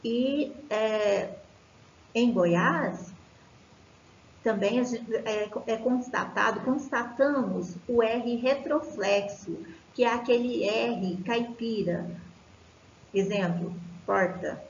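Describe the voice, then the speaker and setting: A Brazilian woman teaching a recorded lesson, explaining slowly with many fillers and restarts. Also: a little high, roomy sound, lo-fi sound, a little hiss or hum. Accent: Brazilian Portuguese.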